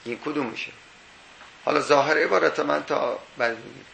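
A man's voice: on the high side, gravelly, sharp tone, roomy sound, a little hiss or hum, low-quality recording. A man teaching Islamic jurisprudence in a seminary lecture. He explains step by step, quoting Arabic texts and posing rhetorical questions.

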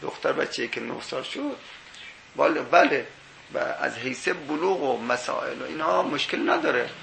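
Gravelly, bright-voiced male seminary teacher. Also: mid-range voice, lively intonation, echoey room, a little hiss or hum, low-quality recording. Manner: explains step by step, quoting Arabic texts and asking rhetorical questions. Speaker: teacher of Islamic jurisprudence. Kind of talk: seminary jurisprudence lecture.

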